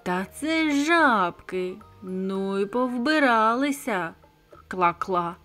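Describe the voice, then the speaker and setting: A woman voicing a gleeful, hungry male stork who teases in a slow sing-song way in a storybook tale. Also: medium pitch, animated, a bit bright, faint music behind. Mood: amazed, gloating.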